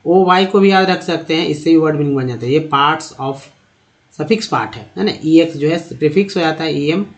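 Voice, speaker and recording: A man teaching a lesson over slides, asking his own questions and answering them, and repeating words slowly to show how they sound. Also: on the high side.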